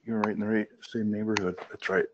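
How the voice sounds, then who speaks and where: A man chatting casually, mostly giving short replies and asking quick questions. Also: lowish voice, level tone, background noise. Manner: brief back-channel replies and questions. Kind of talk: casual chat. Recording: dull lo-fi recording.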